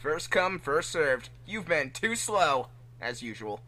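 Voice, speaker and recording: Man reading as cocky Sonic the Hedgehog, bright voice. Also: on the high side, big pitch swings, slow, full character voice. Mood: smug. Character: cocky, teasing, laid-back male blue hedgehog hero. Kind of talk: amateur fan fiction reading.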